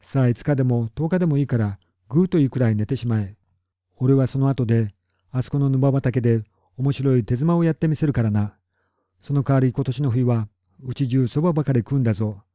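A man's voice: medium pitch, a little fast, warm tone, dry recording, close to an everyday voice. A man reading as a proud, stubborn old-school farmer. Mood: gruff, determined. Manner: blunt and boastful. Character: proud, stubborn middle-aged male big farmer. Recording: dull lo-fi recording.

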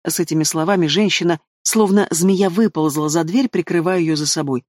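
A male narrator reading a fantasy novel aloud in the first person, expressive and engaged with the heroine's thoughts. His voice sits high for a man and the sound is dry and close to the mic. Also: brisk, no room sound. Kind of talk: audiobook narration.

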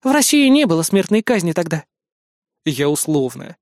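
A man's voice: a little high, sing-song, normal speed, no echo, studio quality. A man reading a first-person audiobook narration in a wry, matter-of-fact way.

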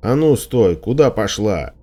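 A man's voice: lowish voice, animated, unhurried, mellow. A man reading an audiobook, voicing a hostile bearded hermit who barks insistent warnings. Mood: shouting. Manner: barking, insistent.

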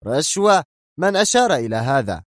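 A man voicing a cold, firm male intelligence agent in an audiobook, speaking curtly and deliberately. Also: medium pitch, no room sound, clean studio sound, voice pushed up, lightly acted.

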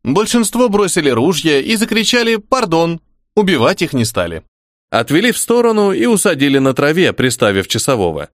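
A man reading a first-person audiobook in a dramatic, expressive manner. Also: a little high, brisk, no echo, studio quality. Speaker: audiobook narrator.

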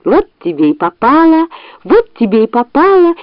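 Woman voicing a tiny mischievous trickster, very high squeak, storybook, dull lo-fi sound. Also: very animated, slow pace, dry recording, heavily acted. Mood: gleeful. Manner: squeaky, gleeful.

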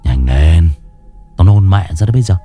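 A man voicing a drunk, irritable gangster boss who barks orders in a low growl. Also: moderate pace, faint music behind, natural voice. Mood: drunk irritated.

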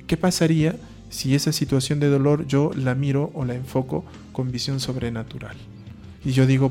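A man's voice: mid-range voice, a little mellow. A man, a priest giving a conversational talk on faith, asking rhetorical questions and acting out short dialogues. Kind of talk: conversational preaching.

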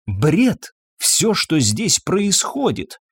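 Мужчина в роли визгливой злой официантки. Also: male voice, huge pitch swings, drawn-out words, slightly rough, dry recording, heavily acted. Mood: weary scorn. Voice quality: high, sharp and shouting. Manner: scornful, nagging outbursts. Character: shrill, bitter, scolding middle-aged woman waitress.

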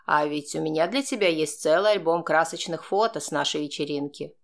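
A woman voicing a calm, mocking, manipulative man who blackmails, speaking slowly in a cold, sneering way. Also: on the low side, lightly acted. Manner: slow, sneering, coldly composed.

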